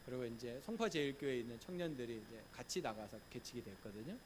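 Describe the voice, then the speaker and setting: A middle-aged male pastor preaching a Sunday sermon in a church, swinging from loud urging to soft, murmured reassurance. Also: medium pitch, lively intonation, fast talker, slight background noise. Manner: acts out gentle quoted lines in a hushed voice. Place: church sanctuary.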